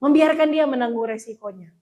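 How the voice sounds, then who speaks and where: A middle-aged woman, a psychologist giving a lively parenting talk at a church retreat, asking the audience questions and acting out parents and children. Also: sits high, brisk, low-quality recording. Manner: asks the audience questions, acts out parents and kids. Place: church hall.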